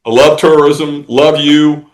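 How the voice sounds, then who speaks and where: A man's voice: fairly high pitch, fairly even intonation, slow, poor audio. A man talking as a tourism industry guest in a casual interview, rambling along with many restarts and fillers.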